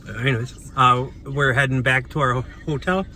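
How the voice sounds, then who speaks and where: A man's voice: mid-range voice, fairly even intonation, normal speed, pushed and bright. A man chatting casually as a travel vlogger, rambling with many fillers and restarts. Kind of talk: casual vlog chat. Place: outdoors on town streets. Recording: outdoor street noise with passing cars.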